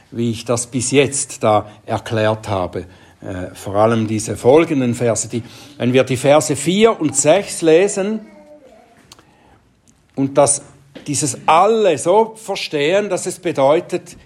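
A man preaching a Bible teaching sermon, speaking deliberately and trailing off into quiet asides. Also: a little high.

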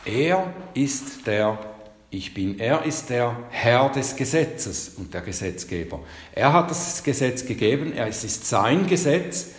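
Slow-preaching man in echoey hall. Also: medium pitch, lively intonation. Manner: slow, emphatic preaching with stressed quotations. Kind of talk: sermon. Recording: echoey hall, long reverb.

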